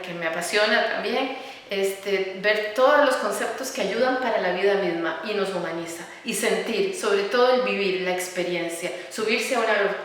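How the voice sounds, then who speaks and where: A middle-aged woman with a Costa Rican Spanish accent talks about her work in an earnest, halting way, full of fillers and repeated phrases. Her voice sits at a medium pitch. She sounds far from the mic, with strong room echo and a long reverb tail. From Costa Rica. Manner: earnest, warm about children, many fillers and repeated words. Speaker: architect and educator, interview guest. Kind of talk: conversational interview. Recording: echoey room, recorded from some distance.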